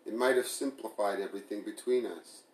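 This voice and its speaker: A man's voice: on the low side, brisk, a little mellow, close to an everyday voice. A man voicing an evasive, unsure young man who fumbles and hesitates over his words. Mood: hesitant. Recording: roomy echo.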